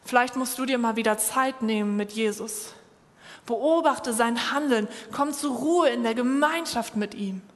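A woman's voice: fairly high pitch, a little slow. A woman preaching a sermon and speaking straight to her listeners, urging them on. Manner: direct, encouraging address to listeners. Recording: long hall reverb.

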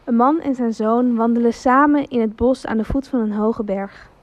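A woman reading a gentle story aloud as narrator, slowly and carefully. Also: a little high, no echo, muffled recording. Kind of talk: scripted storytelling.

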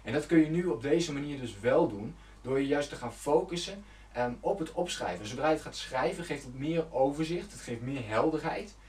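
A man's voice: a little high, lively intonation, moderate pace, darkish tone, far from the mic. Man coaching in a roomy space. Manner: earnest, coaching, addresses the viewer directly; loose and conversational, with fillers and self-corrections. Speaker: self-help coach. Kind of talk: motivational talk to camera.

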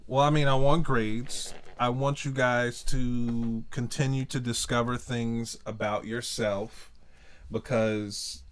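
A man hosting a casual family podcast chat, giving earnest advice and getting passionate about it. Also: mid-range voice. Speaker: podcast host.

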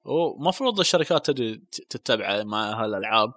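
A man co-hosting a casual gaming podcast, chatting with excited, quick-fire remarks. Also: on the low side, dry recording. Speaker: podcast co-host.

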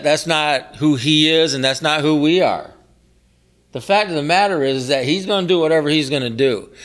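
A man's voice: a little high, fairly bright tone. A middle-aged man leading a small group bible study, teaching earnestly with repeated phrases and rhetorical questions. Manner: earnest, repetitive preaching cadence with rhetorical questions.

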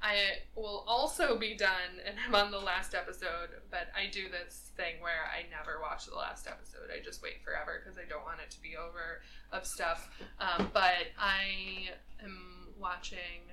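A woman's voice: on the low side, steady tone, normal speed, bright, forceful tone, slight background noise, low-quality recording. A woman co-hosting a casual chat, talking in a meandering, chatty way with many fillers. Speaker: podcast co-host.

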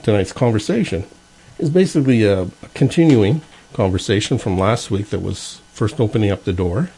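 A man hosting a radio interview, reading his announcements and then asking relaxed questions. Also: fairly low pitch, brisk. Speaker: radio show host.

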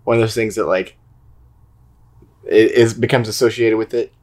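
A co-host in a casual guessing game, jokey and quick to laugh. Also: mid-range voice. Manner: animated, jokey, laughs often.

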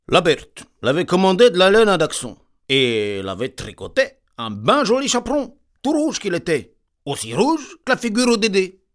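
Rambling rustic storyteller man. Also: on the high side. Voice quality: rambling, digressive peasant chatter. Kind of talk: comic folksy storytelling.

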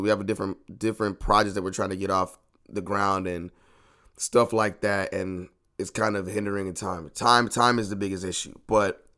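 A man's voice: fairly low pitch, a bit bright. Man ranting in repeated, swearing bursts. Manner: agitated, repeats himself, swears freely. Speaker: sports podcast host. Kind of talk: ranting sports talk. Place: home podcast room.

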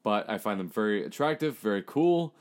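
Joking young man, casual podcast banter. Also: clear, resonant tone. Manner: animated, jokey, quick pitch jumps. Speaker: podcast co-host.

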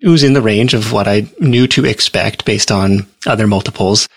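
Gravelly, husky man in a casual interview. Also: lowish voice, moderate pace, dry recording, clean studio sound. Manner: relaxed, rambling storytelling with fillers. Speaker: guest.

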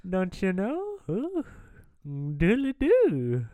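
A man's voice: high-pitched, huge pitch swings, extremely slow, mellow, no echo, pitched above the performer's own voice, exaggerated voice. A man putting on an exaggerated comic Irish accent as a rambling stage-Irish character, stumbling goofily over his words. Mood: goofy. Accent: put-on Irish. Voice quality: exaggerated, mumbled put-on brogue. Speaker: co-host.

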